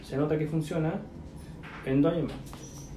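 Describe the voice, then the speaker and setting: A man with a Chilean accent mentors entrepreneurs in a casual chat, packed with slang, fillers and coaching asides. His voice is fairly high and fairly even in intonation, moving at a moderate pace. The recording comes from an echoey room with a noisy background.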